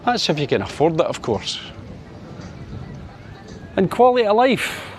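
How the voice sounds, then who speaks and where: Very animated though a little slow, this Scottish vlogger in his sixties airs casual opinions to camera. He's chatty and wry, uses plenty of fillers, and lifts his pitch for sunny Spain.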